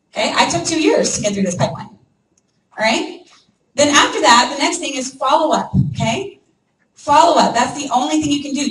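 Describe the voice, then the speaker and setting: In an echoey meeting room, picked up by a distant mic with a slight hiss or hum, a network marketing trainer with a high-sitting voice gives an energetic talk to an audience. She acts out the voices of prospects and keeps checking in with "okay?" and "right?"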